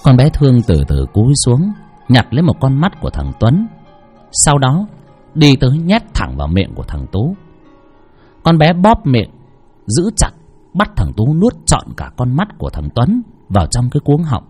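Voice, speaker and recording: A man's voice: huge pitch swings, moderate pace, a little mellow, husky, faint music behind. A man narrating a horror story dramatically. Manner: dramatic, shifting pitch for effect.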